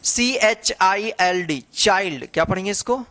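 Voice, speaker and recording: A woman leads a slow, patient phonics lesson in a dry, close recording. She spells each word out letter by letter, then reads it aloud. She keeps asking and answering her own questions. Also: mid-range voice, animated, fairly bright tone, no room sound. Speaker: English teacher.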